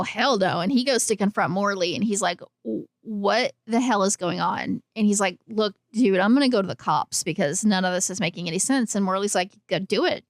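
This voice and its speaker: Recapping a film on her podcast, this woman co-host keeps it casual and sweary, loosely performing bits of dialogue. She speaks in a mid-range voice, captured dry with clean studio sound.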